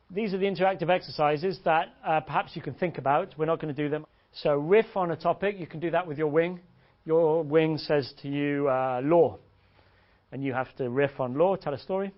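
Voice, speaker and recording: A man gives a blunt, joking seminar talk as a dating coach. His voice sits a bit high for a man. The recording is dull and lo-fi. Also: brisk. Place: seminar room. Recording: dull lo-fi audio.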